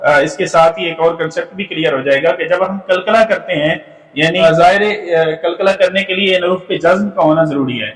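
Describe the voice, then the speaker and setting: A man teaching a tajweed lesson from slides, explaining patiently with filler pauses and sounding out demonstration syllables. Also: on the high side, echoey room, far from the mic, low-quality recording. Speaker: Quran recitation teacher.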